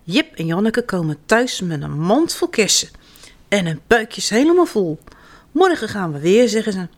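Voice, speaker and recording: A woman reading a children's story aloud in an animated, expressive way. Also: medium pitch, moderate pace.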